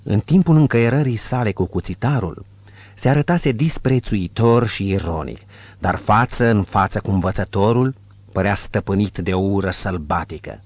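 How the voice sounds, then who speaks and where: A man narrating an audiobook in a measured, descriptive reading. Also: lowish voice, expressive, darkish tone, no room sound, lo-fi sound. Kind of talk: scripted narration.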